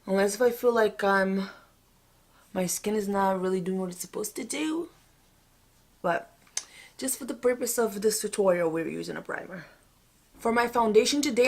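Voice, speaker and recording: A woman with a medium-pitched voice presents a makeup tutorial in a casual vlog style. She is chatty and informal, often thinking out loud as she explains each step. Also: moderate pace. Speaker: makeup vlogger.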